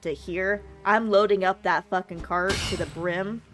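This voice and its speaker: A woman's voice: medium pitch, steady tone, measured pace, noisy background. A woman live streamer giving casual gaming commentary, chatting and thinking aloud with some mild swearing.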